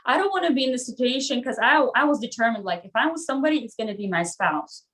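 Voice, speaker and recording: A non-native English-speaking woman, 30s or older, chats casually as a podcast guest, retelling personal anecdotes with quoted dialogue. Her voice sits on the high side, fast and fairly bright, with lively intonation.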